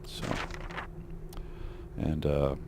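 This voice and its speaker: A man's voice: very slow, background noise. A man giving rambling developer commentary over gameplay of a mission he designed, with many fillers and restarts. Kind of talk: let's play developer commentary.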